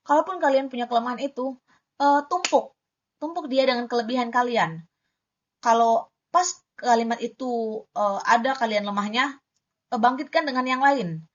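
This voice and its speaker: A woman's voice: a little high, moderate pace, long pauses. A young woman giving a casual spoken lesson on reading poetry, chatty, stumbling over the S-R sound and correcting herself as she goes. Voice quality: struggles with the S-R cluster. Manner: chatty, self-correcting, demonstrates sounds aloud. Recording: dull lo-fi home recording.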